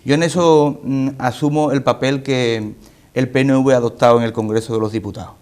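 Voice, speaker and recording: A man's voice: medium pitch, fairly even intonation, a little fast, darkish tone. Andalusian-accented man answering as a politician. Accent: Andalusian Spanish. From Andalusia, Spain. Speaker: politician, former or current mayor being interviewed.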